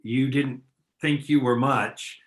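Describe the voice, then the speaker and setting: A man's voice: mid-range voice, steady tone, takes it slowly. A man co-hosting a radio talk show, chatty and joking, teasing his friends, a comic who sounds tired. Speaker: co-host, comedian. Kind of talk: casual radio chat.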